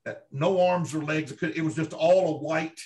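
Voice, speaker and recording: Higher-pitched Kentucky man, folksy storyteller. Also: normal speed, darkish tone. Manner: folksy, emphatic, repeats himself for emphasis. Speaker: interview guest, Bigfoot researcher. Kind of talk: conversational first-hand storytelling.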